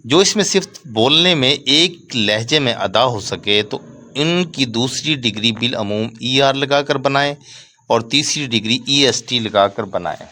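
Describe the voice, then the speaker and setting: Male grammar teacher, unhurried lecture delivery, crisp bright tone. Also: medium pitch, lively intonation. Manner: slow, deliberate, spells out letters and reads English rules word by word.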